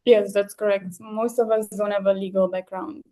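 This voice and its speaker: A woman's voice: medium pitch, level tone, moderate pace, mellow, no room sound. A woman from Belgium briefly introducing herself and organizing a group call. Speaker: intern, group spokesperson.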